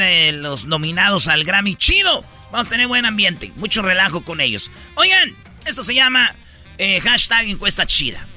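A man's voice: high voice, bright, forceful tone. A man with a Mexican accent hosting a comedic radio talk show like a hammy, playful announcer.

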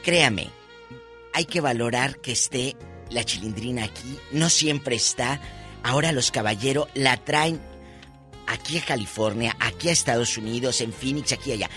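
A man co-hosting a radio talk show, giving lively, preachy advice to listeners. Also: mid-range voice, moderate pace, soft background music. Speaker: radio co-host.

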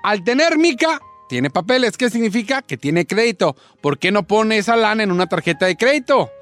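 A man's voice: high-pitched, big pitch swings, fairly quick, fairly bright tone, soft background music. A man co-hosting a radio talk show who argues insistently. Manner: argumentative, insistent. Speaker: radio co-host.

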